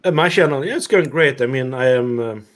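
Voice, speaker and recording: A man's voice: medium pitch, a little fast. A man from Sweden with a Swedish accent and Swedish as his first language, chatting as a guest on a stream and sometimes searching for words. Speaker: guest channel owner. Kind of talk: casual live-stream chat.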